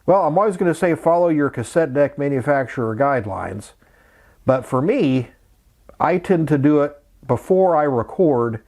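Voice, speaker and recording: Music runs in the background as this middle-aged host of a vintage electronics tutorial channel talks through a relaxed how-to. His voice is medium in pitch and slightly mellow, and he lays things out simply, one step at a time.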